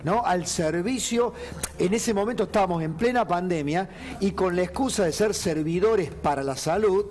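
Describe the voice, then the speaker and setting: A man's voice: high-pitched, moderate pace, a little mellow, slight background noise. A man speaking on a studio panel, stumbling and restarting his words. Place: TV news studio.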